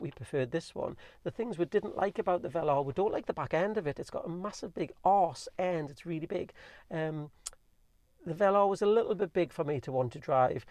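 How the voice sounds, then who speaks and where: A man with a Geordie accent rattling through a casual, rambling Q&A, talking fast with plenty of ums and restarts. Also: a little high, a little mellow, no room sound. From North East England. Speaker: vlogger reviewing his car. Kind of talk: casual chatty Q&A.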